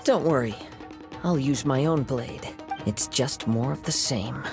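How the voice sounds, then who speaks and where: An actor voicing a calm young wandering samurai, soft-spoken, measured and poetic, in an anime video game. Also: male voice, mid-range voice, gravelly. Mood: calm, explaining. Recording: music behind the voice.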